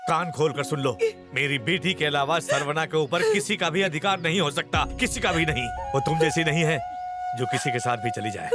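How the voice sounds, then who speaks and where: A man's voice: on the high side, lively intonation, normal speed, loud music behind the voice, close to an everyday voice. An actor playing a stern middle-aged businessman father in a dubbed film, lecturing with scorn.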